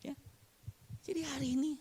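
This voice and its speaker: A male pastor preaching a sermon to his congregation, asking them questions and acting out their shouted amens. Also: extremely high pitch, fairly even intonation, normal speed. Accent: Indonesian. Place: church congregation.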